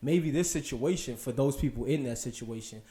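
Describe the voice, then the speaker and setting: A man's voice: medium pitch, normal speed, reverberant. A man co-hosting a casual podcast, talking earnestly in long rambling turns. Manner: earnest, rambling, many restarts, trails off quietly. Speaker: co-host.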